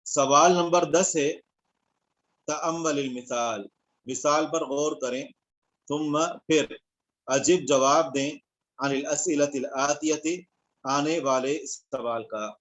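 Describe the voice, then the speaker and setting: Slightly high-voiced man teaching a class. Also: long pauses, a bit bright. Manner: explains step by step, checks with students. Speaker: Arabic grammar teacher. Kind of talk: online class lecture.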